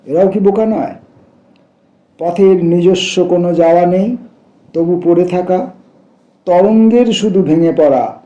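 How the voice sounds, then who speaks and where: A man reciting poems in a measured way, repeating lines and correcting his own misreadings. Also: sits high, dark tone. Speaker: poetry reciter. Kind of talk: poetry recitation. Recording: echoey room, dull lo-fi sound.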